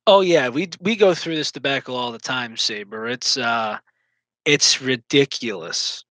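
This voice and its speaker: A man's voice: medium pitch, a little slow, pushed and bright, dry recording. A man in casual chat, rambling and teasing his co-host with jokes.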